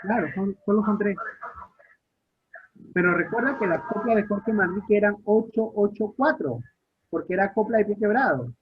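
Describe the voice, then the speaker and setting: A man's voice: high-pitched, normal speed, noisy background. A male literature teacher, lecturing an online class, questioning students and repeating key points. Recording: tinny phone-like audio line.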